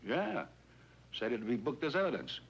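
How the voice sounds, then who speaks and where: Very animated yet moderately paced, a creaky, medium-pitched male voice plays a swindled shopkeeper in a 1950s police drama. The robbery victim is wary and folksy, hesitant and plain-spoken, and sounds earnest and rueful over a noisy vintage film track.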